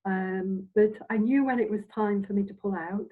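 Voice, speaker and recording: Over dull, phone-like sound, a semi-retired Scottish minister and medium in later life looks back on her experiences for an interviewer. Her mid-range voice keeps a fairly even intonation while she wanders haltingly from anecdote to anecdote, letting phrases trail off.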